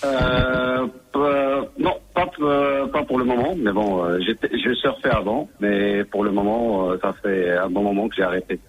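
A man calling in to a radio show over the phone, speaking haltingly and often restarting his words. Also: lowish voice, steady tone. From Morocco. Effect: caller on a phone line into a radio show.

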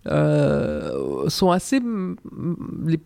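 Soft-spoken woman with a mellow voice. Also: low-pitched, huge pitch swings, very slow, creaky, no echo, clean studio sound. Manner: hesitant, many restarts. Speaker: guest. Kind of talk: podcast interview.

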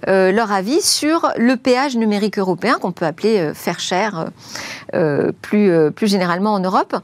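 A woman hosting a tech show, who introduces the topics and guests in a lively, brisk way with some fillers. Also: medium pitch, no echo. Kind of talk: broadcast show hosting and interviewing.

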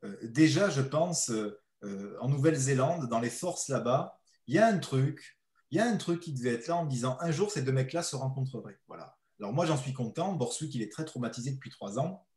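A man's voice: mid-range voice, a little fast. A man with a southern French accent, a co-author teasing his partner while presenting a book at a public talk. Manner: teasing, animated storyteller. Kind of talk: playful talk at a book event. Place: talk venue with audience. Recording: roomy echo.

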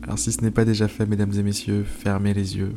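A man hosting an improvised guided meditation, pausing often, repeating phrases and slipping into informal asides. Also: on the low side, monotone. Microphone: speaking into a microphone. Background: music.

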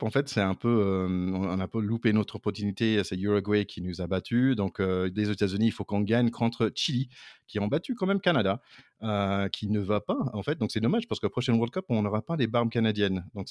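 A man's voice: on the low side, a little mellow, dry recording, clean studio sound. A middle-aged American man co-hosting a casual podcast in his second language, with many fillers and restarts. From United States. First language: English. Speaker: podcast co-host.

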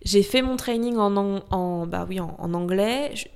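A woman's voice: medium pitch, normal speed, darkish tone, smooth. A woman yoga teacher being interviewed, talking casually and hesitantly with lots of fillers and restarts.

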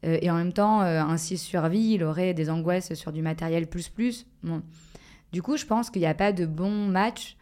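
A woman's voice: on the low side, moderate pace, a little mellow. A woman speaking as a podcast guest, reflective and hesitant, with many fillers and restarts. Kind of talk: casual podcast conversation.

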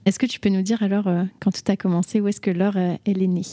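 Dark-toned woman podcast host. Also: mid-range voice, flat delivery, fast talker, dry recording. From Brittany. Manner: hesitant, many fillers. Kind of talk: conversational interview. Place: coworking space.

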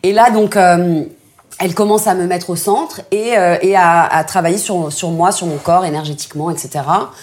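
A woman on a chat show, telling a deeply personal story with halting restarts and emotion. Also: fairly even intonation. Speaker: co-host. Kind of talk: casual chat.

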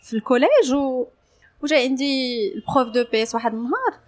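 A woman's voice: high voice, big pitch swings, fast talker, slight background noise. A woman with a Moroccan Arabic accent, telling her story casually as an interview guest and mixing French phrases into her speech. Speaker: interview guest, sports journalist.

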